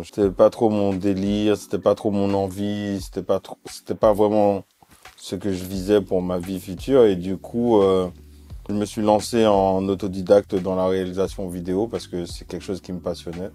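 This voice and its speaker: Deep-voiced man from Martinique, hesitant. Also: flat delivery, moderate pace, mellow. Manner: hesitant, many fillers and restarts. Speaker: music video director, guest. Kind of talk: relaxed interview chat.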